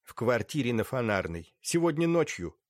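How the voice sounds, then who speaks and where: A man voicing a courteous aristocratic baron who speaks in a measured, deliberate way. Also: medium pitch, sing-song, no room sound, clean studio sound, natural voice. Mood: grave.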